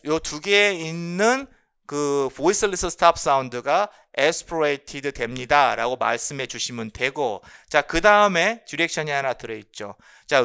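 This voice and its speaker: A man's voice: fairly high pitch, creaky, bright, forceful tone, smooth. A middle-aged man lecturing on English phonology for exam prep, mixing English terms into his speech and answering his own rhetorical questions. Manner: explanatory, asks rhetorical questions and answers them; mixes English terms into Korean.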